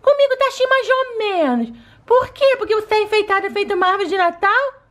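A woman voicing a cheeky, scheming baby doll girl in a toy play video, in a high childlike voice. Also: lively intonation, fairly quick.

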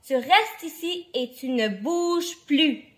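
A woman voicing a stern but loving father in a storybook, scolding slowly and firmly. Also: sits high, expressive. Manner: slow, firm scolding.

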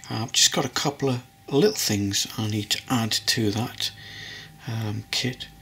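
A man's voice: fairly low pitch, a little slow, fairly bright tone, slightly rough. A man casually narrating a model-building tutorial at his workbench, rambling and hesitant with many ums and restarts. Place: hobby workbench indoors.

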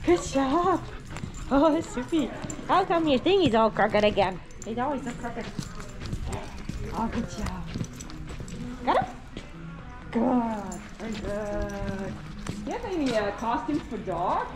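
A woman with a fairly high, animated voice speaks slowly and pauses often, chatting casually in a vlog as she trains her service dog through an indoor mall and its stores, praising it with cheery coaxing. The action camera capturing her is worn low on the dog, and loud mall noise fills the background.

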